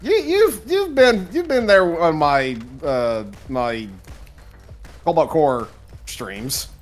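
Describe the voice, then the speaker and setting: Teasing male streamer, wildly swooping pitch. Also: big pitch swings, slow pace, soft background music. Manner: teasing, playful, swoops into silly voices. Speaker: game streamer co-host. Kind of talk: casual gameplay chat.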